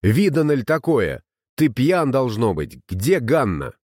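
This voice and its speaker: An agitated older villager in a storybook who shouts his disbelief, as a man reads him. The pitch is pushed up from a low voice, and the sound is dry and close. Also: sing-song, unhurried, dry recording. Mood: alarmed.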